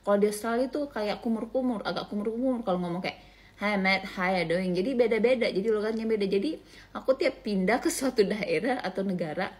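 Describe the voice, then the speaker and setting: Woman from Indonesia, Bugis accent, casual animated monologue, slips between languages, laughs easily. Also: mid-range voice, fast talker. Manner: mixes regional language into chatty talk.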